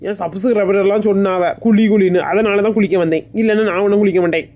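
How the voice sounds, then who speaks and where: A woman's voice: mid-range voice, fairly even intonation, fast. Whiny woman on a tinny line. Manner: whiny, fearful. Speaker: channel host. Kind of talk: casual vlog banter.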